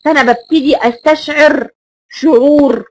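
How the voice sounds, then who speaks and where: A woman's voice: high voice, fairly even intonation, normal speed, a little mellow, rough recording. A woman with an Egyptian Arabic accent giving a recorded lecture, stressing key words and repeating rhetorical questions.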